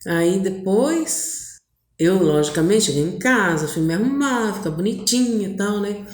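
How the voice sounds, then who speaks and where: A woman's voice: medium pitch, lively intonation, unhurried. A middle-aged Brazilian woman telling a personal story in a chatty, meandering way, full of little fillers. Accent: Brazilian Portuguese. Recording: roomy echo.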